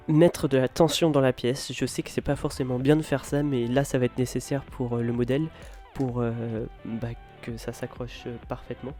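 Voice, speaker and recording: A man guiding viewers through a building tutorial in a relaxed, hesitant way, with many fillers. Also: medium pitch. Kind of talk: casual step-by-step tutorial.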